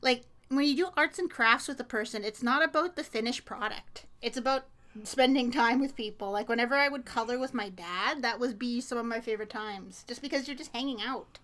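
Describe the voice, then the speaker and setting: A woman's voice: fairly high pitch, a little fast, hardly any pauses, sharp tone. A young woman from Canada co-hosting a podcast, chatting casually with lots of fillers and laughter. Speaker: podcast co-host. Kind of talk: casual chat.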